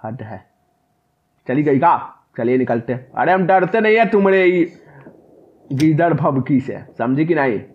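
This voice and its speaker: A man's voice: fairly high pitch, expressive, measured pace, pauses often, dull audio. A man doing comic horror gameplay commentary, yelping and repeating words in panic and talking back to the game characters. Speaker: gaming commentator.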